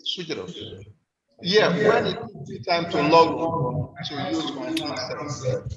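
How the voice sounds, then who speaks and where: A man speaking on a video call, his voice echoing back from a second device, formal and polite with halting fillers. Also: on the high side, recorded from a distance, a loud crowd. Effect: echo from a second device doubling his voice. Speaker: conference speaker. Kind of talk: online conference remarks. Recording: echoey, dull video call audio.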